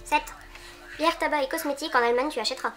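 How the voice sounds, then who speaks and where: A young woman from the French side of the German border jokes through a comic video monologue, teasing and speaking straight to her viewers. Her high-pitched, fairly bright voice moves fast over soft background music.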